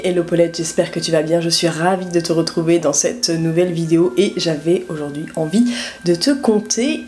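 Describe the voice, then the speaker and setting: Low-pitched young Frenchwoman telling a casual story. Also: dark tone, slight background noise. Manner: informal, slangy, addresses the viewer directly. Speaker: vlogger telling a personal story.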